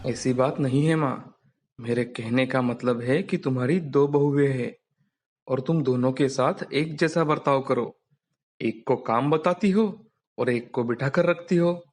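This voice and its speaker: A man's voice: mid-range voice, measured pace, darkish tone, natural voice. A man voicing an earnest young son who pleads with his mother and argues for fairness in a cartoon story. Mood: pleading. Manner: pleading, reasoning, frustrated.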